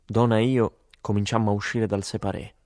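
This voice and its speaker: A man narrating a story as an audiobook, in a calm, measured way. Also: lowish voice, dry recording, clean studio sound.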